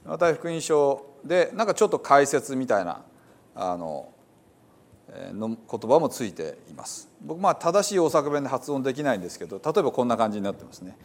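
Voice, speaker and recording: Chatty man with a lively voice. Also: mid-range voice, fairly quick. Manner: chatty, amused, reads quotes with a laugh. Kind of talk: casual talk to a congregation.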